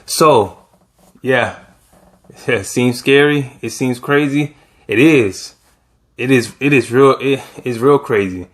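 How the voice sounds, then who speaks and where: A man talking in a loose, rambling, casual way, fairly loud. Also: mid-range voice, slow, pauses often. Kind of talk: casual chat.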